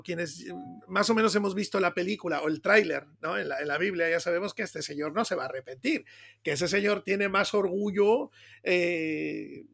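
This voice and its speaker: A pastor from Spain with a Spanish accent, telling stories in a casual chat, animated and laughing often. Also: male voice, high-pitched, creaky. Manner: animated, laughing storyteller, says "tío" often. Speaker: pastor and podcast co-host.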